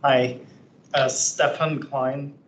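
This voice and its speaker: A commissioner briefly and courteously introducing himself at a public meeting. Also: male voice, medium pitch, little pitch movement, drawn-out words, a little hiss or hum. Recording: echoey room.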